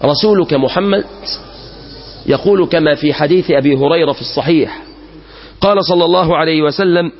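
Higher-voiced Egyptian preacher, dull recording. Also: male voice, a little fast, long pauses. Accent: Egyptian Arabic. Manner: mixes classical Arabic with colloquial asides and rhetorical questions. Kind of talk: Friday sermon.

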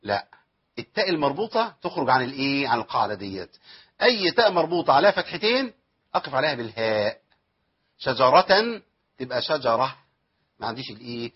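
A man's voice: mid-range voice, big pitch swings, quick pace, pauses often, breathy edge, highs cut off. A man with an Egyptian accent teaching Quran recitation rules, asking questions and answering them himself, and stretching out the recited verses. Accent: Egyptian Arabic. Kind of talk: tajweed lesson with recited examples.

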